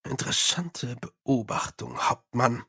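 A man voicing a gruff, weary middle-aged police commander who talks in a dry, blunt and grumbling way. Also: on the high side, expressive, moderate pace, fairly bright tone. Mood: commanding.

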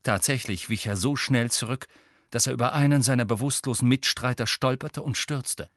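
A man narrating an audiobook in an expressive reading. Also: mid-range voice, normal speed, dry recording, clean studio sound. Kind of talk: scripted narration.

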